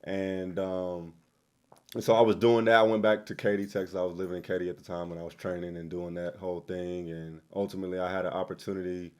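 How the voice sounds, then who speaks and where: A young man, a former quarterback, telling stories in a relaxed casual interview. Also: sits low, fast. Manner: relaxed storytelling with fillers and laughs.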